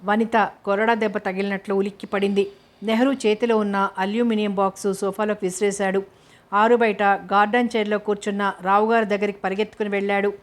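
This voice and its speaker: A woman narrating a novel as an audiobook, reading in a steady, measured way. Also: mid-range voice.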